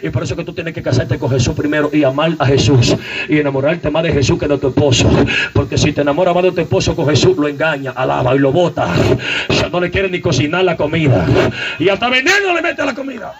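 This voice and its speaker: A man preaching a fiery outdoor sermon, exhorting the crowd and breaking into sudden shouts. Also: a little high, steady tone, quick pace, slightly rough, dull audio. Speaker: evangelist preacher. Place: outdoor night vigil.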